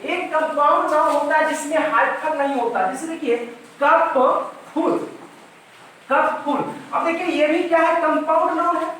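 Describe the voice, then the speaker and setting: A man's voice: extremely high pitch, a little slow, fairly bright tone, a little hiss or hum. A male English teacher giving a grammar lesson, repeating points and asking questions that he answers himself. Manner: repetitive, asks questions and answers them himself. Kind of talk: classroom-style grammar lesson. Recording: very echoey room, mic at a distance.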